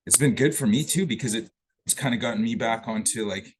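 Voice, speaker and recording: A man's voice: medium pitch, a little fast, husky. A man chatting casually and easygoing while checking his microphone before presenting to colleagues on a video call. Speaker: presenter at a real estate office meeting. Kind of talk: casual chat while testing audio. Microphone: own microphone on a video call.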